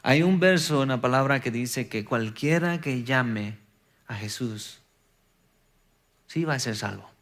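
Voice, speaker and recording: A man's voice: mid-range voice, expressive, unhurried, pauses often, fairly bright tone. A man preaching a sermon as pastor, building to emphatic bursts and acting out quoted prayers.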